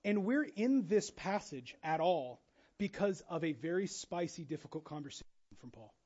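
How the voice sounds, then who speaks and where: A man preaching a sermon as pastor, animated and jokey, acting out quoted voices with casual asides. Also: fairly high pitch, normal speed, muffled recording. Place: church.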